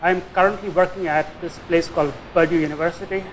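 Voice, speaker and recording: A man's voice: high voice, steady tone, fast, a little hiss or hum, rough recording. An older man from India with a Tamil accent gives an informal lecture, conversationally tagging his phrases with "eh?" or "yeah?". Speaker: guest lecturer, nuclear engineering professor.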